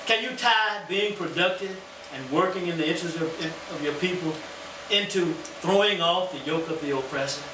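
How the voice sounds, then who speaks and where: A man's voice: high-pitched, moderate pace. A man hosting a live radio discussion and call-in, prompting others and asking them to agree. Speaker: radio talk show host. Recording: echoey, distant, noisy radio recording.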